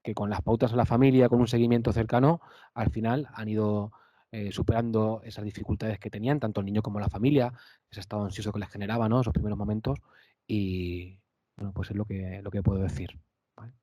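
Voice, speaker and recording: A man's voice: on the low side, steady tone, fast, warm tone, no echo, highs cut off. A man with a Spanish accent, a speech therapist answering questions on a panel, explaining with frequent fillers and tag questions.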